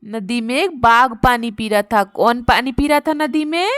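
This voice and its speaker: A woman teacher, taking young children patiently through a workbook lesson and repeating each word slowly. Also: on the high side, a bit bright, no room sound, studio quality.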